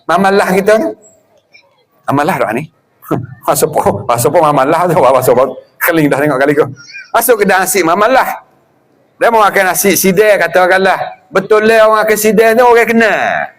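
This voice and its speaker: High-voiced Patani Malay religious teacher. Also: male voice, brisk, long pauses. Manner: lively, acts out greetings, chuckles often. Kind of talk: religious lecture.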